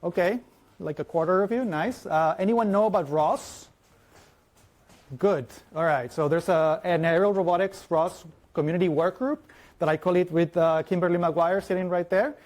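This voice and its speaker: A high-pitched man in his thirties, a native Spanish speaker with a Mexican Spanish accent, gives a fast, lively conference talk in a large lecture hall, often putting questions to the audience.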